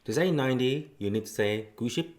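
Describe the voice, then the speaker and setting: A man's voice: medium pitch, animated, rapid-fire. A man teaching a casual spoken lesson, explaining step by step with loose fillers. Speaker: language teacher.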